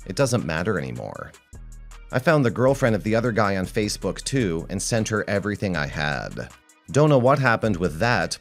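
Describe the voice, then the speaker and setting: A man with a fairly low voice narrates personal stories from a script. He reads them in the first person as a storyteller. Soft music plays faintly behind him. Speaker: narrator reading online relationship stories and commenting.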